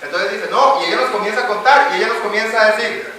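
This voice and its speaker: A man's voice: high voice, fast, bright, forceful tone, a little hiss or hum. A man with a Costa Rican accent preaching a sermon in church, telling a story and then building to emphatic declaiming. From Costa Rica. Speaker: pastor. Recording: echoey church hall, distant mic.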